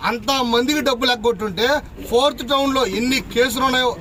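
Furious high-voiced man shouting insults. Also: fairly even intonation, fast talker. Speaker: local elected official. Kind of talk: angry press conference tirade. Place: press meeting.

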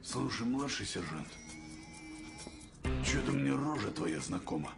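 Slow, gravelly, sneering crook. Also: male voice, medium pitch, lively intonation. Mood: mocking. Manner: drawling, mocking. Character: insolent, drawling crook sneering at police. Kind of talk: comedy film acting. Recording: film dialogue over loud music.

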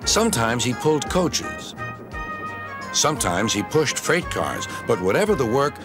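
A man narrating a children's train story in a gentle, expressive storytelling manner. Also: medium pitch, measured pace. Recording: narration over music.

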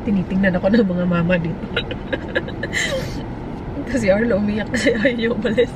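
A woman's voice: mid-range voice, fast talker. A woman, a mother chatting emotionally in a casual vlog. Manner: emotional, chatty, mixes English and Tagalog. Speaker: mother and vlogger. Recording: loud car and street noise.

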